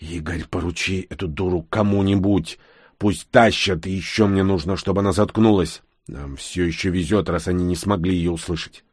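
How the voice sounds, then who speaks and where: A man voicing a hardened soldier who gives low, hushed, clipped orders in an audiobook. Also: fairly even intonation, normal speed, breathy edge, dry recording, clean studio sound. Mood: grim. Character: grim, hardened male soldier, curt and commanding.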